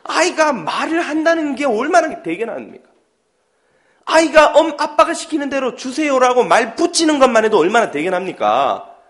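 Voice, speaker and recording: A man preaching a sermon as pastor, telling a family story and acting out its dialogue with lively voices. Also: high-pitched. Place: church sanctuary.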